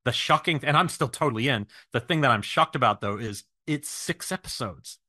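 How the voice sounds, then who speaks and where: A man's voice: mid-range voice, expressive, a little fast, pushed and bright, no echo, clean studio sound. A man co-hosting a horror film podcast, talking casually and thoughtfully with frequent restarts. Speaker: podcast co-host.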